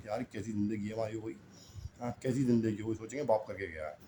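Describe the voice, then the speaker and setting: A man's voice: on the low side, fairly even intonation, dark tone, a little hiss or hum. A middle-aged man preaching a sermon in an impassioned, scolding way, firing off rhetorical questions.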